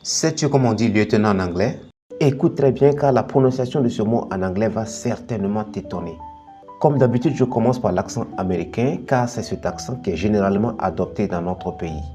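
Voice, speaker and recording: A man hosting a bilingual English lesson, explaining pronunciation and slowly modelling word pairs one after another. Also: fairly low pitch, music in the background. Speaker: English teacher, channel host.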